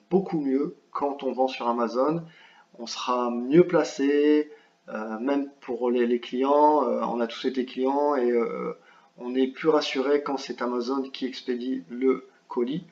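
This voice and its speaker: Hesitant man walking through a software tutorial. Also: medium pitch. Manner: hesitant, many fillers and restarts; apologetic about his English pronunciation. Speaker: online business tutor. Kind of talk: screen-share software tutorial. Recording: roomy, slightly dull home recording.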